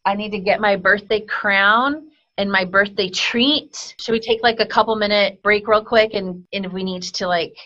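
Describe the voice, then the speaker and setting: A woman's voice: mid-range voice, moderate pace, sharp tone, lo-fi sound. A woman hosting a podcast, chatting casually and upbeat with lots of fillers. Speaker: podcast host.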